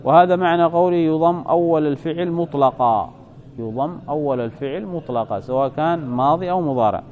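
A man's voice: a little high, fairly quick. A man teaching grammar, reading out a text and then explaining it line by line, often checking that the listener follows. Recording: dull lo-fi recording.

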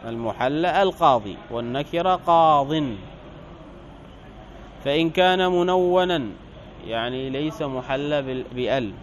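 A man with a fairly high voice teaches a grammar lesson, working through a text line by line. He reads the quoted passages louder and lingers on each example. A faint hiss runs under the recording. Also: rough recording. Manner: reads quoted text louder, slows on examples, corrects his own slips. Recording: faint background noise.

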